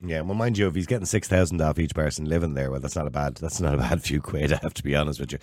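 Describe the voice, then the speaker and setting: A man's voice: extremely low pitch, rapid-fire, darkish tone, dry recording, clean studio sound. An Irish man hosting a radio phone-in, opinionated and emphatic, repeating phrases and putting rhetorical questions. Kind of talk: opinionated talk radio presenting. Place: radio studio.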